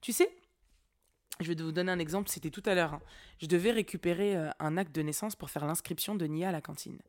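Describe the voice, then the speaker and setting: Woman podcaster chatting slangy and lively, voices the quotes, lower pitch. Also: fairly quick. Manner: slangy, animated storytelling with acted-out quotes. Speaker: podcast host. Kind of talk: casual monologue.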